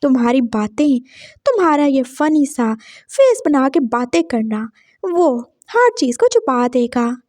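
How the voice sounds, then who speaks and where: A woman's voice: high-pitched, sing-song, unhurried, darkish tone, no room sound, studio quality. A woman voicing a cocky young male college student who taunts and teases in a story reading. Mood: taunting. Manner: taunting, teasing.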